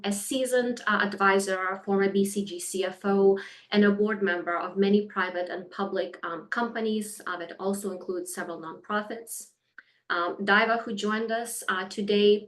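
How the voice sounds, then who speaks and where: A woman's voice: mid-range voice, a bit bright. A woman from Lithuania, a company founder, presenting a webinar over a video call in an earnest way, with many "um"s and slightly phrasing.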